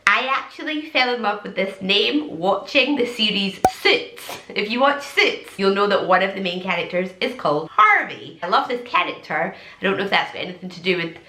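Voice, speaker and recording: A young woman from Scotland, pregnant, chatting to camera in a casual, enthusiastic vlog with quick asides. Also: medium pitch, animated, sharp tone, slight background noise. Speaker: vlogger. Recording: echoey room.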